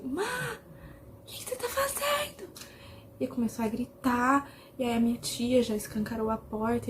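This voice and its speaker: A young Brazilian woman telling her own story in a vlog, speaking in an emotional, halting way and often repeating herself. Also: medium pitch, mellow, slight background noise. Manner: emotional, halting retelling with many repetitions. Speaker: vlogger.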